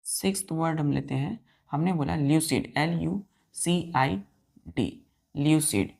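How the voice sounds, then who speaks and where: Woman, teacher, low voice, dark tone, spells out words and counts letters. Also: expressive, a little slow, creaky. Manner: asks the class repeated questions. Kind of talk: vocabulary lesson for students.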